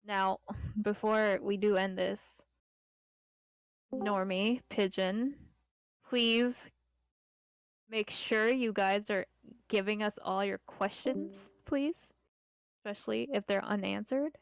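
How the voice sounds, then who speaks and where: A woman with a smooth, clear voice of average pitch, in a very dry recording. She leads an informal online meeting as an admin, explaining in a halting, conversational way. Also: fairly even intonation, no room sound, low-quality recording. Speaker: admin leading an online game community meeting.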